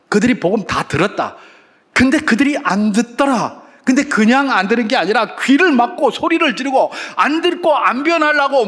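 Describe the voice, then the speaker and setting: Man, pastor, sermon, high-pitched, very lively delivery, rhetorical questions. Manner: animated preaching with acted-out crowd shouts.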